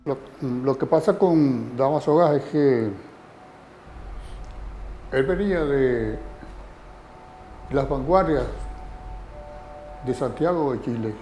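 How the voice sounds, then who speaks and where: A man interviewed for a documentary explains things slowly and hesitantly, with many fillers. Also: medium pitch, warm tone, faint music behind. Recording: roomy interview audio.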